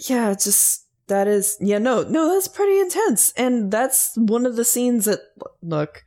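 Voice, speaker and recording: A woman's voice: on the high side, animated, measured pace, dark tone. A young woman in casual fan chat, wry and rambling as she recaps, laughing often.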